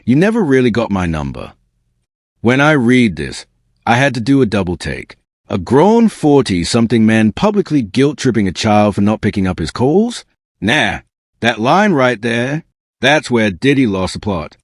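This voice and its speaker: A man's voice: medium pitch, very animated, moderate pace, no echo, studio quality. A man delivering scripted celebrity exposé commentary as an online host, in a slangy, incredulous, smug and sarcastic manner.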